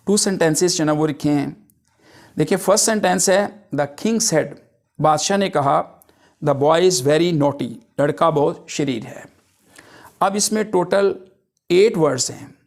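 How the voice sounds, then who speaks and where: A man teaching English grammar, explaining each term with several synonyms. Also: on the high side.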